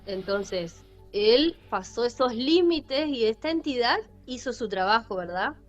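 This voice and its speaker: A woman's voice: on the high side, expressive, a little slow. A woman with a Rioplatense Spanish accent hosting a podcast, telling a story casually and animatedly, with many fillers and repetitions. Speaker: podcast host. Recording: lo-fi with faint music.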